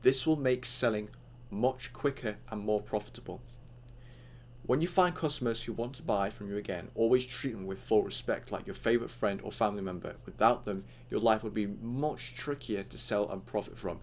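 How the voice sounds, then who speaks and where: A man's voice: on the low side, moderate pace, darkish tone, a little hiss or hum. A young man with hiccups giving a casual, rambling online tutorial, full of fillers and acted-out chat lines.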